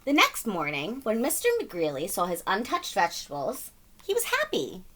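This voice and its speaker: Animated, bright-voiced woman reading a storybook. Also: mid-range voice, normal speed, slight background noise. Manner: dramatic, emphatic, playful with sound words. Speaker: storybook reader. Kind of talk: animated children's read-aloud narration.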